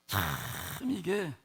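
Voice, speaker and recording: A man preaches a sermon in a bright, forceful voice that sits high for a man. He pitches questions at the congregation, drops to soft asides and then climbs into raised exclamations. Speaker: pastor.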